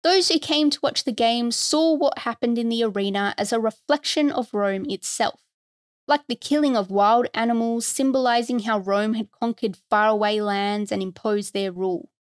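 A woman with a fairly high voice reads a scripted history narration for her podcast. She keeps it conversational and slips in wry asides. The sound is dry and close, with no room around it. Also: normal speed, no echo. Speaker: podcast host.

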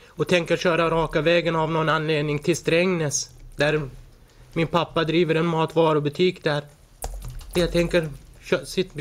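Guy in his 40s testifying in court, high flat voice, keeps tripping over words. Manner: halting, stumbles and restarts words. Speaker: defendant. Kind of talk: court testimony, personal account.

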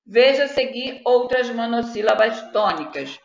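A woman's voice: a little high, animated, normal speed, gravelly. A Brazilian woman teacher giving a patient live online Portuguese lesson to children, reading word lists aloud and quizzing her pupils. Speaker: schoolteacher. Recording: echoey room, dull lo-fi audio with faint noise.

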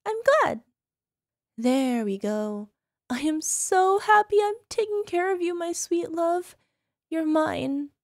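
Speaking directly to the listener in ASMR roleplay, she takes on the role of a young yandere wife, her voice very high, girlish and exaggerated. Her slow, expressive cooing sounds tender and possessive, sugary with a controlling menace beneath. There's no room sound; the audio is completely dry.

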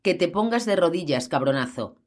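A woman's voice: lowish voice, lively intonation, a little fast, darkish tone, voice pushed up, lightly acted. A woman reading the part of a sadistic, menacing male thug in an audiobook. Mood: taunting. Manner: taunting, menacing. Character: sadistic big adult male thug with a gun.

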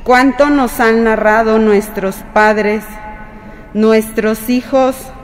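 A woman's voice: on the high side, fairly even intonation, slight background noise. Woman reciting a psalm in a cathedral. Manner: slow, measured recitation. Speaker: psalm reader. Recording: reverberant cathedral broadcast.

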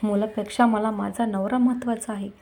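A woman's voice: medium pitch, fairly even intonation, brisk, vocal fry, a little mellow, natural voice. A woman voicing a devoted, strong-willed wife who talks with emotion and insistence. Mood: shocked.

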